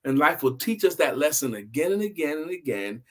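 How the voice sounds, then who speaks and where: With a fairly high, sing-song voice and a brisk pace, this storyteller and host leads an informal adult story session. He keeps the telling conversational, circling back to phrases to stress them.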